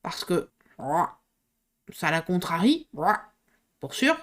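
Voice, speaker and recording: Woman doing a hoarse old grumbling frog. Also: sing-song, heavily acted. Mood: wheezing. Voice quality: hoarse, low, drawling. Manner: slow and muttering, with folksy slang and wheezing "ouah" breaths.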